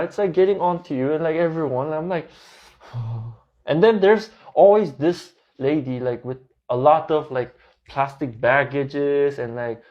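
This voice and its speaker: A man's voice: fairly high pitch, a little mellow, lo-fi sound. A young man with a Korean accent tells a story in a casual way. He laughs often, drops Tagalog words into his talk and says "like" a lot. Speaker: vlogger.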